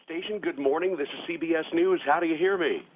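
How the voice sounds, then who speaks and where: A man's voice: fairly high pitch, fast talker. A male news correspondent heard over a narrow radio link, asking friendly, chatty questions with many fillers. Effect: radio link, narrow phone-like audio. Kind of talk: live interview over a space-to-ground link. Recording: tinny radio link with faint hiss.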